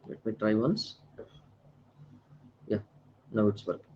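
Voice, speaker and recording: A man's voice: fairly low pitch, slow, dull audio, a little hiss or hum. An Indian-accented man lecturing live online as a teacher, repeating phrases, checking with tag questions and mixing Hindi words into English. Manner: repeats phrases, frequently tags questions with right and na.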